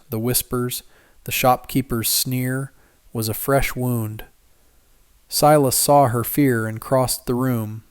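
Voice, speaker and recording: A male narrator telling a frontier tale in a measured, even way, at a middle pitch. The sound is dry and close, with no trace of room. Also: clean tone, no room sound. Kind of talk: scripted story narration.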